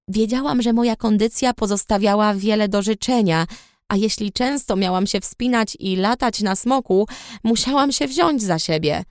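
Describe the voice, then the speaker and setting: Female audiobook narrator, first person; even, reflective delivery; dry, close studio sound. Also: mid-range voice, dry recording.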